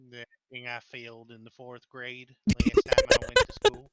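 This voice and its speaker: A man playing a good-natured, uneducated country man who is earnest and slow on the uptake, recorded on a clipping mic. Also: mid-range voice, huge pitch swings, clear, resonant tone, dry recording, low-quality recording. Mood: puzzled, eager.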